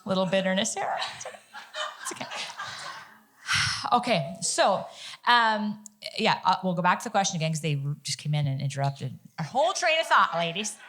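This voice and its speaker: A woman's voice: medium pitch, expressive, fairly quick, pauses often, background noise. A woman with a Nova Scotian accent hosting a panel in a museum, teasing and joking with the guests. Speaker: panel host. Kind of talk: casual panel moderating. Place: museum event hall.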